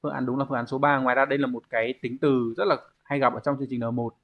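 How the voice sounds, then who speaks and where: A man's voice: mid-range voice, fairly even intonation, rapid-fire, narrow, tinny audio. A man teaching a language exam review lesson. He explains step by step and keeps checking with the class. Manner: explains step by step, often asks the class to confirm.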